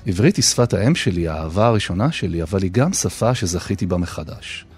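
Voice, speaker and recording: Husky, expressive man hosting radio. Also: low voice. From Israel. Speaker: radio host. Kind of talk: scripted personal narration and interview.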